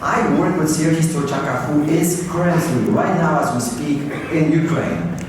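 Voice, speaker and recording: A man's voice: on the high side, normal speed. A man from Poland giving a keynote conference talk, chatting casually with many fillers and "like". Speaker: keynote speaker. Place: large conference hall. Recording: distant, echoey hall with noise.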